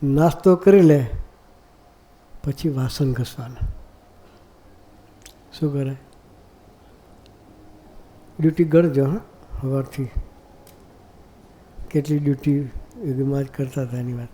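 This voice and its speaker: A man delivers a devotional sermon in a deep, mellow voice. His pitch stays steady and level, and he keeps turning to the audience with rhetorical questions. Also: slow, pauses often, a little hiss or hum. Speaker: monk preacher. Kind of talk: devotional discourse.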